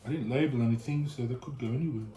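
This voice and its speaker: Building a computer at home, this vlogger talks quickly in a mellow, medium-pitched voice, muttering his thoughts in a bored tone. The camera microphone records him in an echoey room with a faint hiss.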